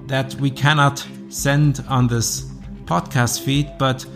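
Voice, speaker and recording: A man delivers a measured, scripted podcast introduction as host. His voice sits at an average pitch. Faint music plays underneath.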